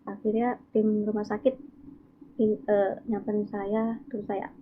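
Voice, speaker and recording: A woman's voice: mid-range voice, little pitch movement, a little slow, a little hiss or hum. Woman, guest, personal testimony, emotional storytelling, acts out dialogue, tinny phone-like sound.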